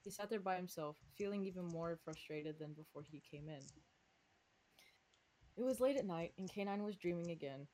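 A woman's voice: lowish voice, normal speed, warm tone. A woman with a slight lisp on her S sounds, reading her own fanfic aloud to friends and breaking off for giggly asides. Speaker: fanfic reader and author.

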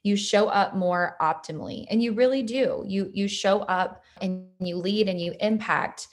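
A woman's voice: mid-range voice, normal speed, faint music behind. A woman co-hosting a lifestyle podcast, speaking in an earnest, encouraging way. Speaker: podcast co-host. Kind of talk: casual podcast chat.

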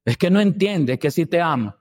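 Male pastor, sermon delivery, voice sits a bit high, emphatic with rhetorical questions and quiet asides. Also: animated, moderate pace. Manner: swings between loud stresses and quiet low asides.

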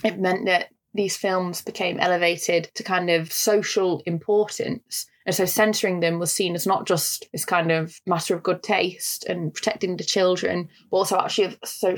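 Woman, Northern English accent, gravelly fry, low pitch, podcast co-host, explanatory. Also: fairly even intonation, moderate pace. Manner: articulate, explanatory, frequent fillers. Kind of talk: film discussion podcast.

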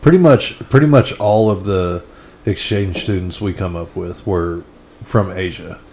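A man co-hosting a podcast in casual chat, making dry deadpan quips. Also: deep voice, measured pace. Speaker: podcast co-host. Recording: echoey room.

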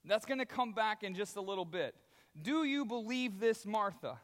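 A man preaching a sermon as a pastor, telling the story in a conversational, animated way. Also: sits high, moderate pace. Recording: long reverb of a large hall.

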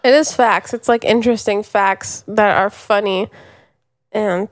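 A woman co-hosting a podcast, quick-witted and teasing, laughing often during casual chat. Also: mid-range voice, fairly even intonation, no room sound. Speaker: podcast co-host, music producer.

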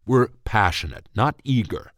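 A man's voice: lowish voice, lively intonation, unhurried, fairly bright tone, no echo, clean studio sound. A man voicing a cool, confident male hustler with an unbothered drawl. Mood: cool, smug.

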